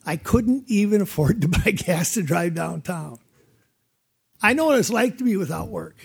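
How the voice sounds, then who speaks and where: A man's voice: high voice, lively intonation, normal speed, gravelly, slightly rough. A middle-aged man from North Dakota, giving emotional, plain-spoken testimony as a landowner at a public hearing.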